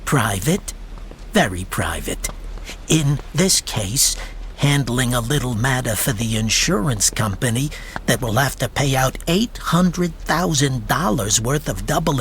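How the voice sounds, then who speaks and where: In a radio drama, a man with a medium-pitched voice plays a sly, talkative private insurance investigator whose manner is wordy and mock-polite. There is slight background noise.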